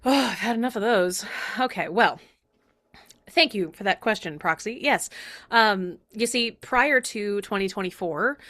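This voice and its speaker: A woman's voice: mid-range voice, a bit bright, dry recording. A woman from Virginia hosting her own spiritual podcast, talking casually in a chatty, rambling way and laughing often. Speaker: podcast host and channeler.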